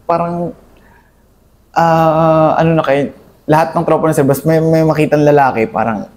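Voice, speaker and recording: A man's voice: fairly high pitch, steady tone, moderate pace, a little mellow. A young Filipino army captain being interviewed, recounting his service in a deferential, hesitant way and calling the interviewer "sir" in nearly every line. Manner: deferential, says "sir" constantly, hesitant with many fillers.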